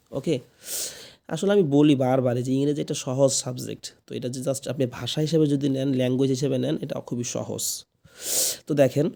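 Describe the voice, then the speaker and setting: Guy teaching english class, patient, says stuff over n over, gravelly low tone. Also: mellow. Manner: patient, repeats phrases slowly for learners. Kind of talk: spoken English lesson in Bengali.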